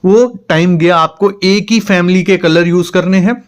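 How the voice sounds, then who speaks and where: Male interior design advisor, fairly high voice, direct instructional delivery. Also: moderate pace, smooth. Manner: direct, advice-giving, talks straight to the viewer. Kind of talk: instructional home design explainer.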